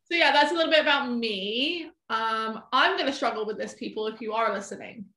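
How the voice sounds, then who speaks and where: A guest photographer, half American and half English, chats on a casual podcast in a bright voice that sits on the high side. She talks a little fast, rambling and leaning heavily on "like." The room is echoey.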